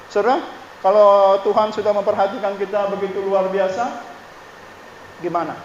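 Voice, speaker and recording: A man's voice: high-pitched, a little hiss or hum. A male pastor preaching a sermon in a conversational way, often checking in with the congregation. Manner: conversational preaching, frequent "ya" and "Saudara" asides. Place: church. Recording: dull echoey church hall.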